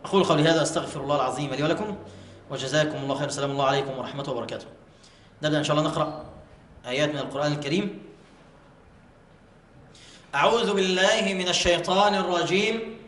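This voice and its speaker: A man teaching Quran recitation rules, repeating words slowly and drawing them out to show the pronunciation, in a mosque. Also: mid-range voice, steady tone, a little hiss or hum. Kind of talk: tajweed lesson with demonstrated recitation. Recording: echoey mosque hall.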